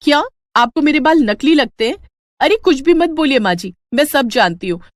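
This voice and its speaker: Female narrator playing a vain young daughter-in-law in a cartoon, high, whiny, shrill. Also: expressive, a little fast, no echo, studio quality, close to an everyday voice. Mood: angry.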